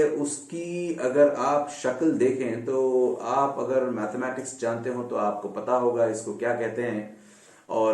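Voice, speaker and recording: A man's voice: medium pitch, dark tone, roomy sound. A man teaching English pronunciation in a recorded lesson, explaining step by step and checking in with his listeners.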